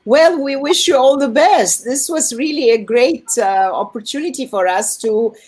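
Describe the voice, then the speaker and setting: With a high, slightly mellow voice that has a breathy edge, this woman moves at a moderate pace. She's the festival host running an online question-and-answer session in a conversational style.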